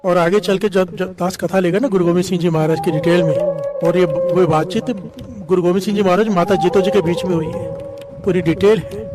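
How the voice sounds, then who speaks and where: A man, telling a story and breaking into call-and-response chants. Devotional music plays clearly behind him. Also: sits high, flat delivery, brisk. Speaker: preacher. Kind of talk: devotional katha sermon.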